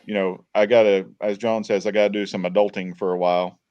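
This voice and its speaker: A man's voice: on the low side, flat delivery, fast, darkish tone, dry recording. Man telling rambling stories, dull sound. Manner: rambling, repeats words, retells dialogue. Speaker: podcast guest. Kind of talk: casual storytelling.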